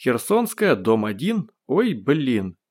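A man voicing a brash, cheerful man who has lost his memory, talking loud, cocky and playfully defiant in an audiobook. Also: mid-range voice, big pitch swings, slow. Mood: bemused. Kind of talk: audiobook character voice.

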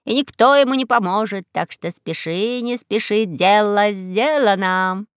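A woman's voice: mid-range voice, unhurried, clear, resonant tone, no room sound, clean studio sound, natural voice. A woman voicing a sly, greedy, self-pitying old female crow in an audiobook, with a drawling, wheedling delivery. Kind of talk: audiobook character voice.

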